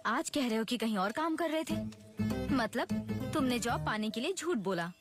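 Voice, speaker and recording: A woman's voice: a little high, lively intonation, moderate pace. A woman speaking dubbed film dialogue as a strict employer, stern and scolding. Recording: film soundtrack with music behind.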